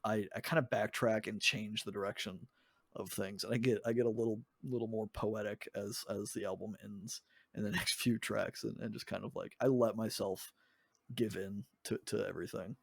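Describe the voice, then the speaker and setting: A man co-hosting a podcast, chatting casually about music in a thoughtful, halting way with many restarts. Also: on the low side, fairly even intonation, gravelly, breathy edge, no echo. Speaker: podcast co-host.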